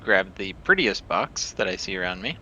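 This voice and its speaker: A man's voice: low-pitched, big pitch swings, moderate pace, pushed and bright, a little hiss or hum, poor audio. A man playing a tabletop game, talking casually with the others at the table.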